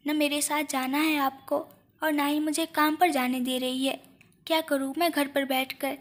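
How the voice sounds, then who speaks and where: A woman's voice: sits high, flat delivery, normal speed, close to an everyday voice. A woman voicing a loving but frustrated young husband who pleads and mixes in English words.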